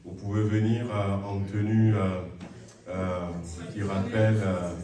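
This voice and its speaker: Amid crowd noise in a large church hall, a man gives the congregation its announcements slowly, in a level tone on the low side. He comes across as hesitant and friendly, with many filler sounds, and the distant recording echoes strongly.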